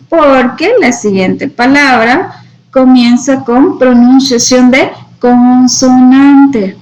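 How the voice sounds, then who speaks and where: A woman teaching an English grammar lesson, explaining each example slowly in both Spanish and English and checking with her students as she goes. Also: fairly high pitch, a little hiss or hum, low-quality recording. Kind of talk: bilingual classroom grammar lesson.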